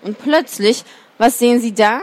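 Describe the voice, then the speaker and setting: A woman's voice: on the high side, moderate pace. A woman reading a children's story aloud as storyteller, then commenting with some hesitation. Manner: hesitant with fillers when commenting.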